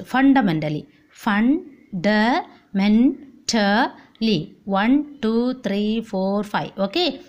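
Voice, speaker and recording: A woman with an Indian English accent teaching an online vocabulary lesson, repeating words slowly and saying "okay, see" often. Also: on the high side.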